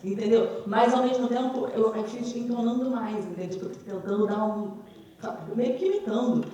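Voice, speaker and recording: A woman voice actor telling an animated story about recording a narration, speaking at a panel after a screening. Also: fairly high pitch, moderate pace. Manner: lively storytelling, quotes others, chatty slang. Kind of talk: post-screening panel talk. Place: screening hall. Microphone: distant hall microphone. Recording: echoey hall from far off.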